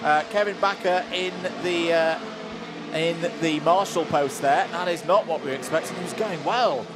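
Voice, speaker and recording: A man's voice: a little high, normal speed. A man giving live motorsport commentary from a trackside box, conversational and closely following the action. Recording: clear background track and engine noise. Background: outdoor race track ambience with vehicles.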